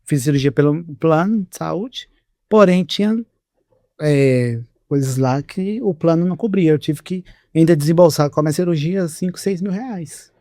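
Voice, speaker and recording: A man's voice: a little high, moderate pace, mellow, no room sound, clean studio sound. A man speaking as a podcast guest in casual conversation, talking with some hesitation and restarts. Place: podcast studio.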